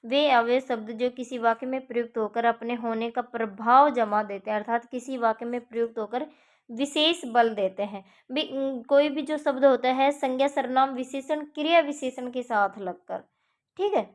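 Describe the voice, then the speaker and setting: Female tutor, exam-prep grammar lesson, patient repeating delivery, slightly higher pitch. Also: moderate pace. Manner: explains step by step, repeats examples, checks with "ठीक है". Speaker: teacher.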